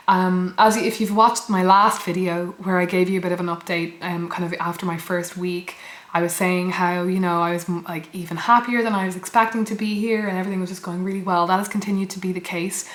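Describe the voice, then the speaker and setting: A young woman with a hoarse, partly lost voice, chatting reflectively and hesitantly in a rambling personal vlog recorded indoors. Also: fairly low pitch, roomy sound. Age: young adult. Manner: reflective, hesitant, self-correcting. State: hoarse from losing her voice. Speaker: student vlogger. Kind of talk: casual rambling vlog chat. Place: indoors in a flat.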